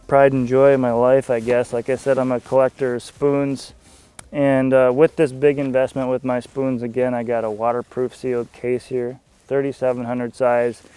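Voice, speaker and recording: A young fishing staff presenter walks through his gear outdoors on a frozen lake. His voice is mid-range and smooth, and he keeps things laid-back and conversational, full of fillers.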